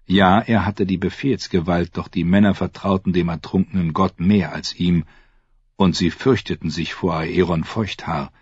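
A male narrator reading a story slowly and deliberately in a low, husky voice with lively pitch movement. The recording is dry and dull, like a lo-fi audiobook. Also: no echo. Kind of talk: scripted narration.

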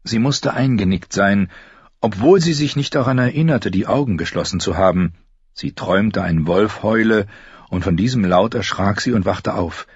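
A man reading an audiobook as narrator, in a lively, expressive way, in a dry, slightly dull lo-fi recording. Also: lowish voice, moderate pace, husky, dry recording. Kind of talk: scripted narration.

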